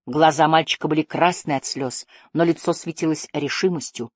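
Woman audiobook narrator, deep voice, dry close sound, measured storytelling. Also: fairly even intonation, dry recording. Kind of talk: scripted narration.

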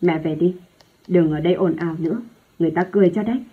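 A woman's voice: fairly low pitch, fast, breathy edge. Woman reading an earnest young man. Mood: pleading. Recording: tinny phone-like lo-fi sound.

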